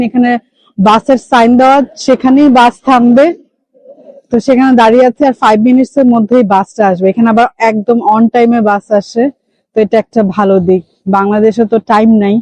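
Filming on a handheld phone, this young vlogger and mother from Bangladesh keeps up casual running commentary, slipping in English as she moves from a winter outdoor scene into a library. She speaks briskly in a slightly high, darkish voice with fairly even intonation, and the dry recording has poor audio.

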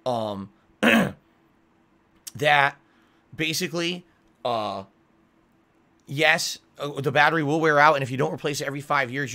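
A man's voice: fairly high pitch, sharp tone. A middle-aged American man streaming a casual monologue, explaining things emphatically in an aggrieved way with frequent check-in tags. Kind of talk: casual livestream monologue to viewers. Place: small home room with acoustic foam, indoors. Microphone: desk microphone with pop filter, close.

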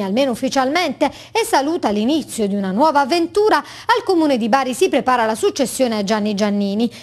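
Woman reporter reading the news, measured and formal, pretty high voice.

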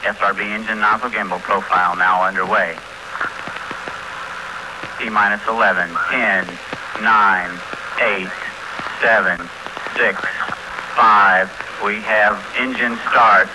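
A man giving a launch countdown in steady, clipped calls over a noisy, crackling radio feed. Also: on the low side, takes it slowly, pauses often. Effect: noisy crackling space radio feed. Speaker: launch control commentator.

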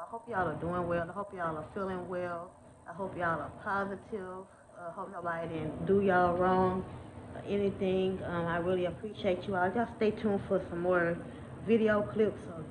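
A woman's voice: fairly low pitch, fairly even intonation, normal speed. A woman in her thirties chatting casually to her viewers, with lots of ums and y'alls, recorded on a phone held at arm's length. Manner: chatty, many ums, says y'all often. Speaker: vlogger, mother of twins. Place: indoors at home, then outdoors walking. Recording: noisy phone recording with ambience.

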